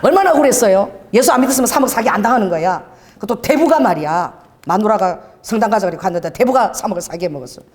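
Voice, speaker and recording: A woman's voice: mid-range voice, quick pace. A middle-aged woman pastor preaching a sermon, telling stories and acting out the voices in them. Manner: lively, storytelling, acts out voices in stories. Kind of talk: sermon with storytelling.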